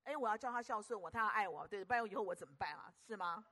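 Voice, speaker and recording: An older woman preacher, giving an animated, teasing sermon full of rhetorical questions. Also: mid-range voice, rapid-fire.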